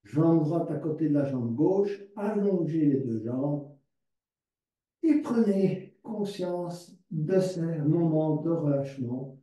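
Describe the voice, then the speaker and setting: A man teaching a yoga class, giving calm step-by-step cues and slowly repeating words as he guides the poses. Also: a little high. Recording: distant mic in a very echoey room.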